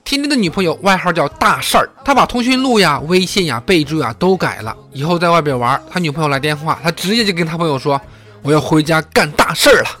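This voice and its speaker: A man's voice: on the high side, fast, hardly any pauses. A man hosting a comedy news talk show, telling jokes and laughing at his own punchlines. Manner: lively joke-telling with laughs. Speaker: podcast host. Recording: music bed behind voice.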